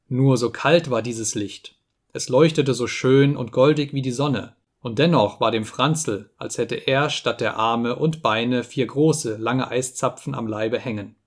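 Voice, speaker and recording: A man reading a story aloud as an audiobook narrator, calm and measured, slowing on solemn phrases. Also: medium pitch. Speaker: audiobook reader.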